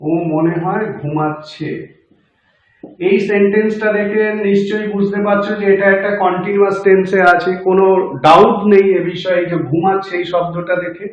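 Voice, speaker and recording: A man giving a grammar lesson as a teacher, explaining slowly step by step with filler sounds. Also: high voice, monotone. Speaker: English teacher. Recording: very echoey, dull lo-fi room.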